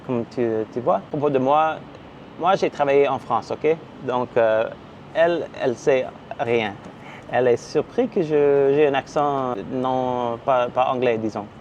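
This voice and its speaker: A man's voice: medium pitch, a little mellow. A man from Canada talks casually to camera in a vlog. He hesitates often and fills the gaps while he searches for words in a language that is not his first. The recording sounds slightly dull, and a faint air-conditioning hum runs underneath. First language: English. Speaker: vlogger.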